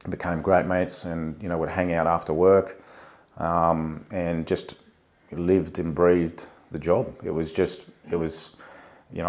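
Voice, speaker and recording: A very deep-voiced Australian man in his forties answers interview questions in a relaxed, conversational way. He pauses often with ums and uhs, thinking back as he talks. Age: 40s. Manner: hesitant, many ums and uhs, reflective. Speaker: podcast guest, former police officer.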